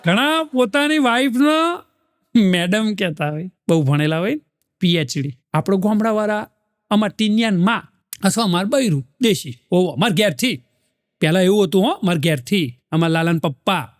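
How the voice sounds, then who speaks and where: A male comedian with a Gujarati accent tells folksy marriage jokes on stage, his voice pitched high for a man. He keeps it animated and slips in quick voices for the people in the stories. The sound is dry and close. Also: no echo. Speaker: stand-up comedian. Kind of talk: Gujarati stand-up joke telling.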